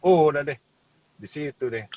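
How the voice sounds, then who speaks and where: Pastor guy, husky voice, chatty storytelling, kinda muffled lo-fi sound. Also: a little high, moderate pace. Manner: animated storyteller, laughs and acts out quotes. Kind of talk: casual testimony in a talk show.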